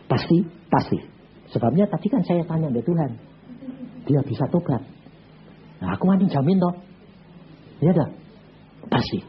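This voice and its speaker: A man's voice: mid-range voice, muffled recording, slight background noise. A man preaching a sermon, telling stories bluntly and acting out both sides of the conversations. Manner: blunt, animated storytelling, acts out both sides of dialogues. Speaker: evangelist preacher. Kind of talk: sermon with acted-out anecdotes.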